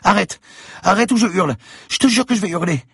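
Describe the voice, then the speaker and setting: A man's voice: fairly quick, slightly rough, no room sound, clean studio sound. A man voicing an eerie, manipulative little girl in an audiobook reading, pleading and threatening. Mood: menacing. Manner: pleading and threatening in a high childish voice.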